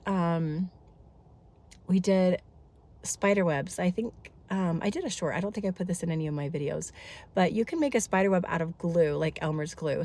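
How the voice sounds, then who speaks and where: A woman in her thirties with a lowish, slightly mellow voice chats casually in a family vlog. She's congested from a head cold and talks a lot, rambling off into plenty of asides.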